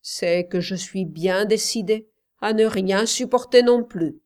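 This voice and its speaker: A woman voicing a stubborn coal miner who speaks slowly, harshly and heavily. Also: mid-range voice, a little mellow, close to an everyday voice. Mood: grim. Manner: slow, harsh, heavy.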